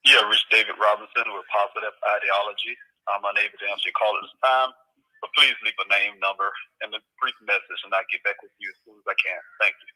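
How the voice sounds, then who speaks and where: A man's recorded voicemail greeting, heard through a phone speaker as an answering machine message, spoken quickly and plainly. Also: lowish voice, fairly even intonation, bright, forceful tone, poor audio. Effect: answering machine greeting played over a phone speaker. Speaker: father leaving a voicemail greeting.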